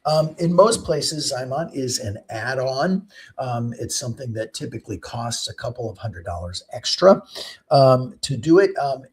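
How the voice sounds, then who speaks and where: A man's voice: mid-range voice, lively intonation, normal speed. Chatty male doctor explaining fertility. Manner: chatty, explanatory, lots of ums and uhs. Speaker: fertility doctor hosting a live show. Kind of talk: live-streamed Q&A talk.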